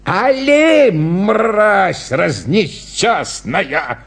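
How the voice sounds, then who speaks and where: Man putting on a flustered clown, shrill, high, slow, storybook reading. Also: big pitch swings, full character voice. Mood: exasperated. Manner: shrill, exasperated shouting at a dog. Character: clumsy, flustered male circus clown.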